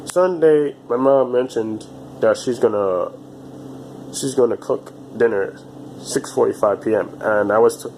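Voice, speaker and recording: A man in his twenties talking alone to his channel in a halting, repetitive way, often restarting his phrases. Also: mid-range voice, a little mellow, slight background noise, rough recording. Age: 20s. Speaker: vlogger. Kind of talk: casual monologue to camera.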